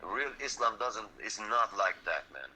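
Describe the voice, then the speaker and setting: A man's voice: on the low side, lively intonation, unhurried, pushed and bright, slight background noise, poor audio. A young man from Sweden, a frontline fighter talking as an interview guest, intense and blunt, swearing and saying "man" and "bro" all the time. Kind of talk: impassioned interview talk.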